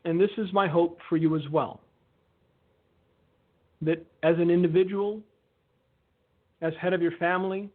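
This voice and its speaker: A man closing a radio sermon with earnest, measured blessings. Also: high-pitched, fairly even intonation. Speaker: radio minister. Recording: phone-like lo-fi line.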